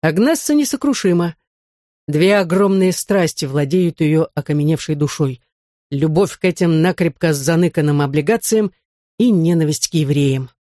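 A woman narrating an audiobook in an even storytelling manner. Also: sits low, normal speed, no room sound, clean studio sound. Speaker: audiobook reader. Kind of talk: scripted narration.

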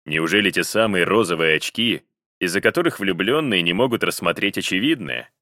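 Male audiobook narrator, very deep voice, measured even reading, dry close recording. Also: no room sound. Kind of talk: storybook narration.

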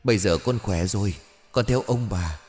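A man's voice: fairly low pitch, moderate pace, darkish tone, in a large hall, natural voice. A man voicing the ghost of a young boy, youthful and innocent in tone, in a read-aloud ghost story. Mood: tender farewell. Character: young boy's gentle ghost.

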